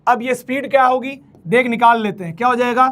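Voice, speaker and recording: A man's voice: extremely high pitch, steady tone, fast talker, a bit bright. A man teaching physics in an online exam-prep lecture, coaxing and familiar, repeating key phrases and speaking.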